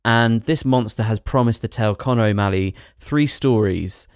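A man's voice: fairly low pitch, moderate pace, clear, resonant tone, no echo, studio quality. A man co-hosting a podcast, joking and opinionated as he reviews films in casual chat. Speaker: podcast co-host and film reviewer.

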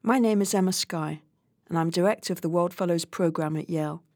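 A woman hosting a podcast interview, asking questions in a clear, measured way. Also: fairly low pitch, darkish tone, dry recording, clean studio sound. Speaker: podcast host, program director.

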